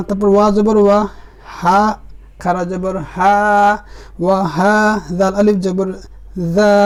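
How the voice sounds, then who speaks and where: A man teaching Quran reading, spelling out each letter and vowel mark and then drawing the words out slowly and patiently. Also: sits high, darkish tone. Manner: patient, addresses the viewer directly. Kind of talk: step-by-step spelling lesson.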